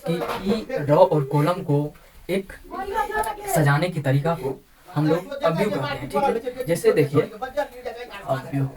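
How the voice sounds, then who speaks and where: A woman teaching a math lesson, explaining slowly and repeating key terms over and over. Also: deep voice, animated, over a noisy crowd, poor audio. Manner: repeats words and says "ठीक है" often, slow deliberate explaining. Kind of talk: classroom-style math lesson.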